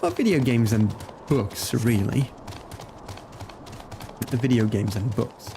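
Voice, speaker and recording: A Belgian man streams games live, chatting casually and greeting viewers by name in English, a second language he acquired through video games. His medium-pitched voice is gravelly and animated but slow-paced, with background noise behind it.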